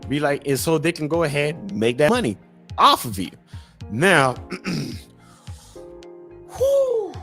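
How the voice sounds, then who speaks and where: A man's voice: fairly high pitch, wildly swooping pitch, takes it slowly, pauses often, a bit bright. Man in his thirties, solo podcast host, rambling, lots of fillers, faint music behind. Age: 30s. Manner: rambling, filler-heavy, self-correcting. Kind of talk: casual solo talk.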